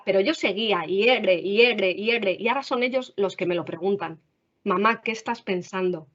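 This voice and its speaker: A woman's voice: mid-range voice, a little fast. A woman with a Spain Spanish accent, a school counselor giving parents practical advice in a webinar, often checking in with the audience. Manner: warm advisory tone, frequent "vale?" checks. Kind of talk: explanatory talk to parents. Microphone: video call. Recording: dull video-call audio.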